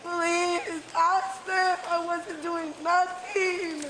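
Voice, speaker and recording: A woman's voice: extremely high pitch, little pitch movement, extremely slow. A woman passenger being detained, upset and begging over and over in an imploring, repetitive way. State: upset, pleading desperately. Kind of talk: distressed pleading. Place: busy airport. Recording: noisy body camera audio in public.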